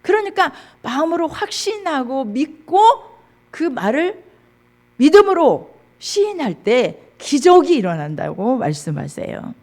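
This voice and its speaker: A woman's voice: sits high, very animated, a little slow, darkish tone. A middle-aged woman pastor preaching a sermon, reading scripture aloud and calling out to the congregation.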